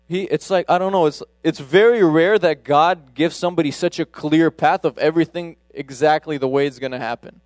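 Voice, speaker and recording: A man preaches in a relaxed, conversational way, often stopping and restarting his sentences. His voice is smooth and resonant. It is recorded dry and close, with little room sound. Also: a little high, brisk, hardly any pauses, no room sound. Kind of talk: casual sermon.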